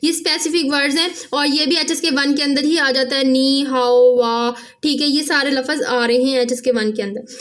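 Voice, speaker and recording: A woman teaching a casual language lesson, often checking in with "theek hai" and slowing down to spell out sounds. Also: sits high, steady tone, a bit bright. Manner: repeats "theek hai" after each point, spells out sounds slowly.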